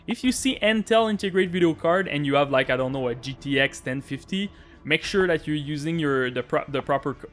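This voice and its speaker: French canadian guy doing a casual pc settings tutorial, voice a bit on the high side, keeps saying stuff is really important. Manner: chatty, repeats "really important", hesitant fillers. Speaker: gaming tech YouTuber. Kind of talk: casual screen-recorded tutorial.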